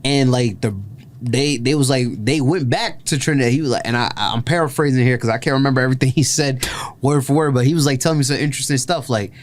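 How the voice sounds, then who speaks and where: This host talks fast in a mid-range voice, rambling through a laid-back reaction chat with constant "like" and "yo" and frequent restarts.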